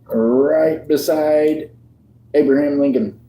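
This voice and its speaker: The audio is poor on this casual livestream, where a man in his 50s sorts coins and jokes with his viewers in an easygoing way. He has a slightly high, dark-toned voice and takes his time speaking.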